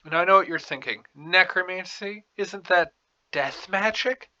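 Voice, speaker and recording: A man voicing an ingratiating necromancer ambassador from a fantasy game, halting and eager to persuade. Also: sits high, pushed and bright, no room sound, highs cut off, exaggerated voice.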